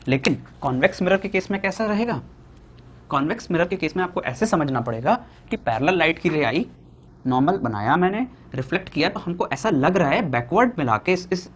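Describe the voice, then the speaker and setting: Lively Indian male teacher, dictating slowly. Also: a little high. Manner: asks students questions and answers them himself, repeating key points; slows down to dictate definitions. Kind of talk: whiteboard physics lesson.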